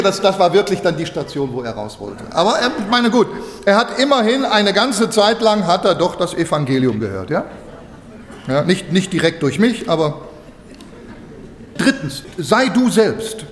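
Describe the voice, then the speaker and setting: Animated high-voiced German preacher in echoey hall. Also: male voice. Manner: animated storytelling, acting out dialogue with laughter. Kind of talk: sermon.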